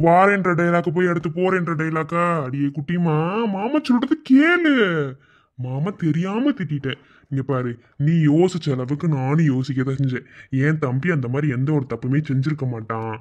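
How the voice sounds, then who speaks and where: A woman's voice: deep voice, a little fast, a little mellow. A woman voicing a short-tempered but doting young husband with a Madurai Tamil accent, coaxing and teasing in a cartoon. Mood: explaining. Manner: coaxing and teasing after scolding. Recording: dull lo-fi sound.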